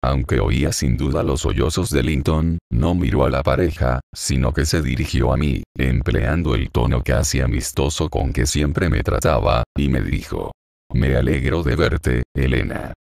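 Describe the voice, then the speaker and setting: A man giving a measured, scripted audiobook narration. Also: rumbling low, gravelly, a little mellow, no echo, studio quality.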